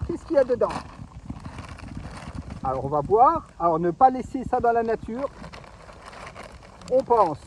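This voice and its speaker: A man's voice: very high voice, slight background noise, low-quality recording. A man doing a casual unboxing review of a ration pack, explaining each item step by step and giving safety warnings. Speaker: gear reviewer.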